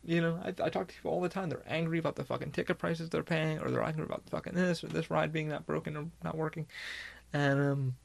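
Gravelly, swearing podcast host. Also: male voice, a little high, steady tone, fast talker. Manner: rambling and heavily profane. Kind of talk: casual monologue.

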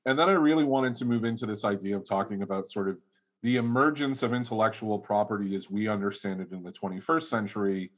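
Male podcast guest, low voice, hedging academic ramble, casual chat. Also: fast, muffled recording. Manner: rambling academic explaining, many hedges. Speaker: guest toy researcher.

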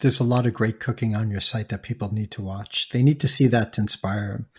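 A man hosting a casual interview and asking a guest about her cooking in a relaxed way. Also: fairly low pitch, a little fast, breathy edge. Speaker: host.

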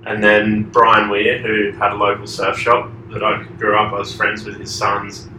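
A man's voice: on the low side, completely flat delivery, normal speed, pushed and bright. Laid-back Australian man in an echoey room. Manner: laid-back, trailing filler-heavy answers. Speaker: surfboard shaper, interview guest. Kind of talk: casual conversational interview. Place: echoey shaping room indoors. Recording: echoey distant room recording with faint noise.

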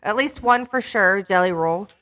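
A woman's voice: medium pitch, moderate pace, fairly bright tone, dry recording. A middle-aged woman co-hosting a podcast, chatting casually, blunt, playful and swearing. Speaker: podcast co-host. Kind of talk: casual chat.

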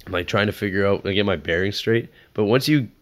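Laid-back young man with a low voice. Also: fast talker. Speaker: podcast co-host. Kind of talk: casual chat.

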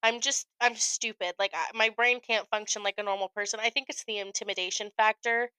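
Her medium-pitched voice runs a little fast and sounds smooth, captured without room sound on a low-quality recording. As a young American podcast co-host, she tells a story in casual chat, acting out quotes with animation and frequent profanity.

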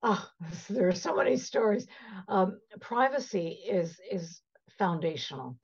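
Speaking at medium pitch with lively intonation, a little slowly and with a darkish tone, an older woman guest tells stories conversationally. She's a privacy expert, born in Egypt and raised in Canada, and talks emphatically and passionately over slightly dull lo-fi audio.

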